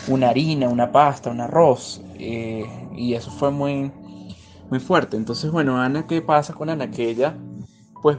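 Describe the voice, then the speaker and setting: Venezuelan guy in his 20s, personal testimony, pauses a lot, music clearly playing behind him. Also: mid-range voice. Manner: reflective, with pauses and hesitations. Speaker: journalist giving a migrant testimony.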